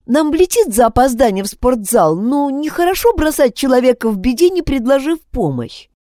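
A woman voicing a gentle coaxing schoolgirl. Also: high-pitched, expressive, moderate pace, no room sound, studio quality, voice pushed up. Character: kind teenage schoolgirl twin. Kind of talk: audiobook character voicing.

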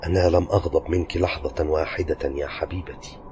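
A man voicing a withdrawn, grieving young man who speaks low, hushed and weary. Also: fairly even intonation, a little fast, a little hiss or hum. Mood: subdued.

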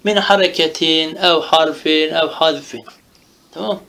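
A man's voice: a little high, a little slow, creaky, sharp tone. A man teaching a classical grammar text, reading each Arabic phrase and then explaining it in Turkish, often checking with "tamam?". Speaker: religious teacher.

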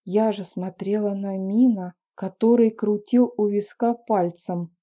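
A woman reading a first-person story in a calm, measured audiobook narration. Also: medium pitch, highs cut off. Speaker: audiobook reader.

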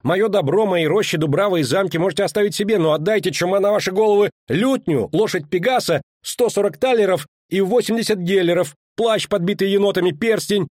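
A man voicing a cheeky, talkative young bard in a high, wailing voice in an audiobook. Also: expressive, darkish tone, dry recording, clean studio sound. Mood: indignant. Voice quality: high and wailing, fast complaining.

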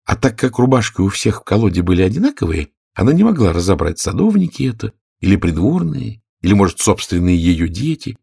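A man's voice: fairly low pitch, a little fast, vocal fry, breathy edge, dry recording, clean studio sound. A man reading a fairy tale as an audiobook narrator, telling it expressively. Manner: expressive, lively storytelling. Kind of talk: scripted storybook narration.

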